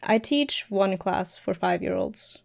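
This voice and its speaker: A woman's voice: medium pitch, lively intonation, slow, gravelly. A young woman, a streamer and dance teacher, chatting as a podcast guest in an easygoing, giggly way. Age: young adult. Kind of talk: casual podcast chat.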